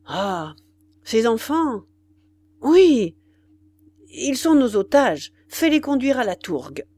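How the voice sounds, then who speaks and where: A woman's voice: on the high side, sing-song, slow, warm tone, voice pushed up, exaggerated voice. Brief: woman narrator voicing a cold old marquis giving clipped orders, audiobook character. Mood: commanding. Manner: curt, commanding. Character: old aristocratic male royalist commander, cold, imperious.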